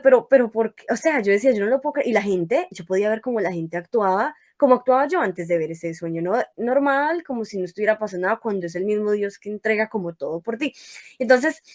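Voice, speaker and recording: Young woman telling a lively faith testimony. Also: medium pitch. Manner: lively storytelling that acts out her own past words. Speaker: guest giving a faith testimony. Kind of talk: casual testimony in an interview.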